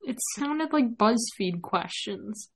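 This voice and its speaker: A woman's voice: fairly high pitch, lively intonation, slow pace, husky. A young woman hosting a casual podcast, dry and mock-serious, brushing off questions. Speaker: podcast host. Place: remote call.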